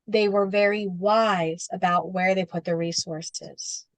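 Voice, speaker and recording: A woman with a voice on the low side takes it slowly on a dry recording. The interview guest, a spiritual business coach, talks animatedly in a casual chat, relying heavily on "like" and other fillers and breaking into playful quoted voices.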